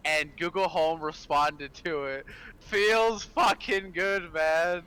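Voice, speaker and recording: A man's voice: on the high side, steady tone, slow pace, over a noisy crowd. A man from Canada, chatting on a stream in a laid-back, joking way full of crude banter. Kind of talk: casual stream chat.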